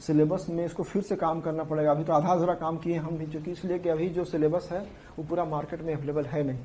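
A man's voice: a little high, level tone, fast talker, mellow, a little hiss or hum. A man teaching an exam prep class, repeating points over and over to drill them in. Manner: repetitive, drilling points to students. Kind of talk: classroom lecture.

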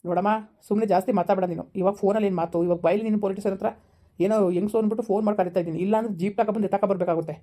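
A woman's voice: medium pitch, steady tone, racing, mellow, lightly acted. A woman voicing a stern, bullying male police officer who scolds and threatens a village wife over the phone in a comedy skit. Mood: threatening.

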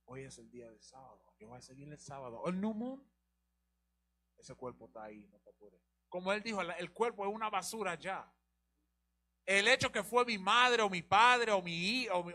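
A man's voice: on the high side, bright, forceful tone. A man teaching the Bible on a live show, asking rhetorical questions and repeating key lines. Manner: rhetorical questions and repetition, directs the reader.

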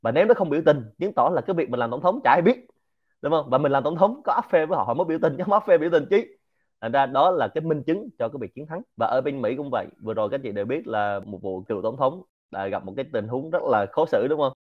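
A man with a Central Vietnamese Quảng Nam accent giving a lively, informal lecture to a community and dropping English words into his talk. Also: medium pitch, fast, lo-fi sound. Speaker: speaker hosting a Q&A session.

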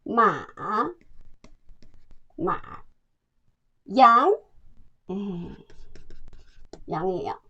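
A woman from China with a Chinese accent, teaching a language lesson and modeling words for learners to repeat in a slow, drawn-out way. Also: husky. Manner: slow, drawn-out demonstration with lively pitch jumps on tones. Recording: dull, lo-fi sound.

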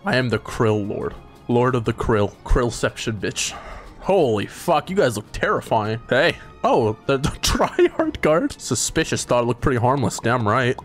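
Man excitable let's-play host, animated and swearing, faint game music behind. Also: medium pitch, moderate pace. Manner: excitable, profane, laughing often. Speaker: gamer. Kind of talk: casual let's-play commentary.

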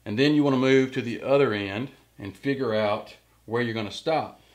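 Working at his bench in a big indoor woodworking shop, a man in his thirties who hosts a workshop channel gives a hands-on, step-by-step tutorial on using a jig. He speaks at a moderate pace in a mid-range voice.

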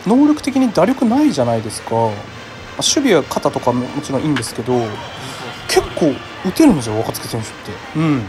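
A man's voice: fairly high pitch, very animated, brisk, music in the background. A man from Kagoshima casually commenting on his own baseball video game, reacting aloud and often apologizing. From Kagoshima, Japan. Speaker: game streamer. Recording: game crowd noise behind. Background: baseball game crowd sound.

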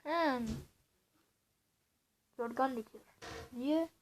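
A woman giving casual, excitable gameplay commentary, exclaiming and grumbling as she plays. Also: sits high, drawn-out words, slight background noise. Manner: excitable, swears and exclaims a lot. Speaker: gaming video host.

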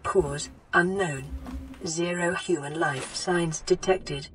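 A gentle care-robot computer. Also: female voice, lowish voice, slight background noise. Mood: calm. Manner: even, measured status reports. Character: calm female ship computer, gentle monitoring AI. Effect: synthetic computer voice. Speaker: onboard AI assistant in a video game.

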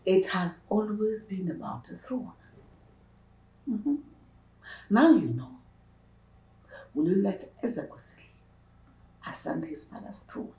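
A woman acting a cold, scornful, middle-aged Nigerian stepmother in a film drama, speaking with deliberate disdain. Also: mid-range voice, big pitch swings, mellow. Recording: echoey room with ambient noise.

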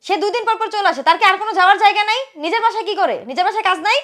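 A woman playing a spiteful young wife who scolds loudly and sneers at her husband's sister. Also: extremely high pitch, animated, rapid-fire. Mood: scornful. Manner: scolding, loud and contemptuous. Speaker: sharp-tongued wife. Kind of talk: short film acting.

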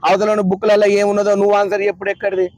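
A man, reviewing a TV show in casual chat, animated and opinionated. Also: sits high, racing, no room sound. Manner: animated, opinionated, talks over his co-host.

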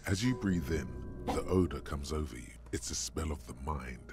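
A man voicing the deep, gravelly inner voice of an old detective in a video game. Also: expressive, normal speed, music in the background. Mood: brooding. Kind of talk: game voice acting.

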